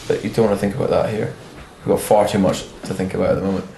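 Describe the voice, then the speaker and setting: A man's voice: low voice, steady tone, racing, warm tone. A man speaking as an officer cadet in an interview, earnest and uneasy. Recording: roomy echo with faint noise.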